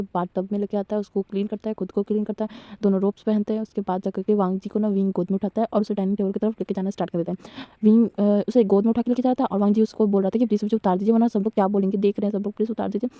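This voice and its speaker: A woman's voice: medium pitch, dark tone, no room sound. A woman casually retelling a fan fiction story in a chatty, giggly way with loose fillers. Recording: slightly dull lo-fi recording.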